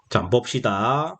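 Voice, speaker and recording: A man gives a beginner English phonics lesson at a middle pitch. He asks a question and then answers it himself, over and over, and he stretches out the important phrases. His delivery is patient and repetitive. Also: pushed and bright, husky. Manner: drawls key phrases slowly; calls vowels moms and consonants sons. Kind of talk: slow explanatory lesson for beginners.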